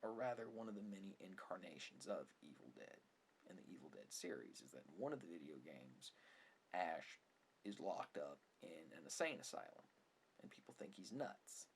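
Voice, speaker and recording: A man with a low, sing-song voice speaks at normal speed, hosting an ASMR-style monologue of film opinions. As a video host and film commentator, he complains emphatically and sarcastically, sometimes sinking almost to a whisper. Faint background noise is audible.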